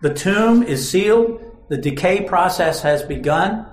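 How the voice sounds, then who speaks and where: Guy preaching, high-ish voice, dramatic storyteller, echoey room. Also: lively intonation, unhurried, slight background noise. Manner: dramatic storytelling, acting out quoted lines. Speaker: pastor. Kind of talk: sermon. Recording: roomy echo.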